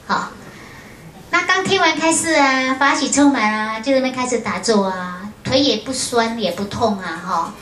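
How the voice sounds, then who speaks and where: A woman, a Buddhist nun, tells her memories to an audience with a fairly high voice and lively short fillers. The room echoes and there is faint ambient noise. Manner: lively storytelling with frequent "hao" and "ha" fillers. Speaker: Buddhist nun giving a lecture. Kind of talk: storytelling lecture to an audience. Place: lecture room at a foundation. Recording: roomy hall with faint ambience.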